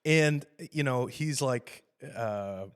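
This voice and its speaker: A man hosting a casual podcast about film, talking with loose, rambling energy. He swears freely, gets animated and laughs along with his own stories. His voice sits in an ordinary middle pitch. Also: takes it slowly, clear, resonant tone. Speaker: podcast host.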